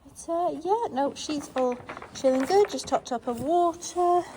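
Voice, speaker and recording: A woman's voice: high-pitched, lively intonation, a little slow, warm tone, a little hiss or hum. A young woman, chatting casually as a vlogger at horse stables, upbeat and rambling with fillers. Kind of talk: casual vlog narration.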